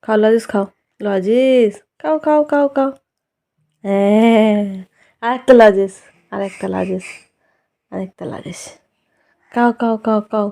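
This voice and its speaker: A woman's voice: mid-range voice, takes it slowly, vocal fry, long pauses, mellow. Coaxing mother chatting in a home vlog. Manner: coaxing, repetitive talk to her small son. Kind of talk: casual vlog chat. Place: home at night.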